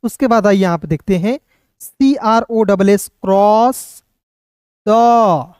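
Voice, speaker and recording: A man teaching English reading, spelling out each word letter by letter before sounding it out, speaking fairly softly and often checking that his viewers are following along. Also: high-pitched, slow pace, clean tone, dry recording, studio quality. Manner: keeps addressing viewers as friends and checking they follow.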